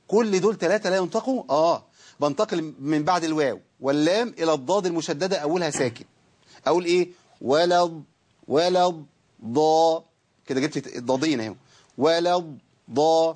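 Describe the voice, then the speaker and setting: Egyptian guy teaching recitation on tv, talks super quick, kinda husky, stretches out the sounds to show them. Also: on the high side, a little mellow. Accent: Egyptian Arabic. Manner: explains eagerly, drawing out sounds to demonstrate them. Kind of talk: televised teaching lesson. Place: television studio.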